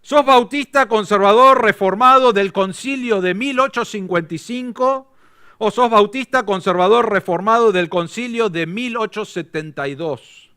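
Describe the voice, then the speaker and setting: Man putting on an excitable Argentine busybody, high and sharp, all questions. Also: moderate pace, clean tone. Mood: eager. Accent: Argentine Spanish. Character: eager, nosy man quizzing a stranger.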